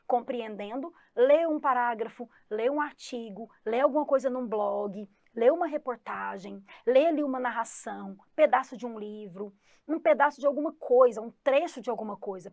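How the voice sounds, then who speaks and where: Brief: chatty exam-prep teacher, woman, Goiás accent, slightly high voice, close dry mic. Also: dry recording. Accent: Goiás Brazilian Portuguese. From Goiás, Brazil. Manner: lively, chatty, talks to students directly. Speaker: English teacher. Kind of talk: online exam-prep class.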